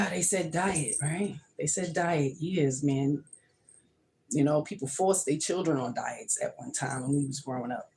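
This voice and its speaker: Low-voiced woman hosting a kitchen livestream. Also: unhurried, creaky, darkish tone, low-quality recording. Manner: emphatic, repeats her points. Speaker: livestream host. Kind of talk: casual livestream monologue. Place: home kitchen.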